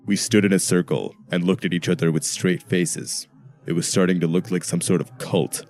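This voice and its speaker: A man narrating a first-person horror story in a steady storytelling manner. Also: low-pitched, normal speed. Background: soft background music.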